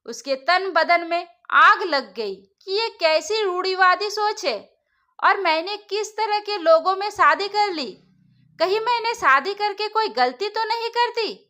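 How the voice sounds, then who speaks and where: A woman narrating a moral family story in a scripted, expressive reading style. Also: very high voice, measured pace.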